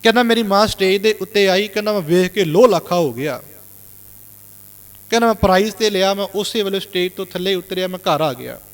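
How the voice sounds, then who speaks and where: A male Sikh preacher from Punjab tells a moral story to his congregation. His voice sits high, and he keeps retelling what others said. A long hall reverb follows his words. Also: expressive, brisk. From Punjab, India. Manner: retells reported speech with constant "he said" tags. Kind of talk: storytelling sermon.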